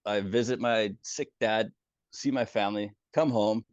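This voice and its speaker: A man casually recounting his own experience as a guest, animated and swearing freely, with chuckles along the way. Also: on the low side, unhurried, no room sound. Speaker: former community moderator telling his story. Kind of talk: casual first-person storytelling. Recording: dull, dry, somewhat lo-fi sound.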